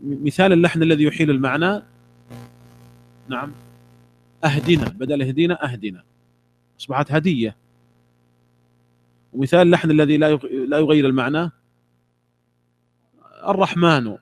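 A middle-aged man, teaching a classroom lesson on a religious text. He repeats key words and pauses for replies from students. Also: on the high side, a little hiss or hum.

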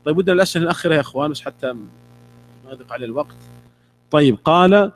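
A middle-aged man, teaching a classroom lesson on a religious text. He repeats key words and pauses for replies from students. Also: a little high, animated, slight background noise.

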